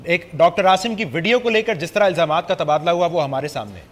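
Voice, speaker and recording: Male host, high voice, brisk debate moderator. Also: animated. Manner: brisk, hands the floor from guest to guest. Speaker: talk show host. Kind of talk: moderating a talk show debate.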